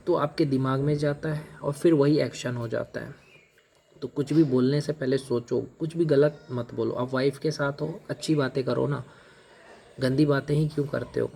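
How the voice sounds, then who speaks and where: A man's voice: mid-range voice, vocal fry, mellow, a little hiss or hum. A man hosting an advice video, talking straight to the viewer in an emphatic, repetitive way and calling him brother. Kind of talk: direct-to-camera advice talk.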